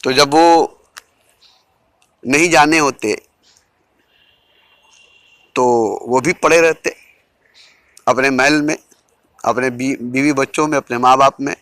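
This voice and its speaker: Spiritual teacher, male, slightly high bright voice, dry close sound, unhurried phrasing with repeated lines. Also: no room sound. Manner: measured, repeats key phrases for emphasis. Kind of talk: informal spiritual talk.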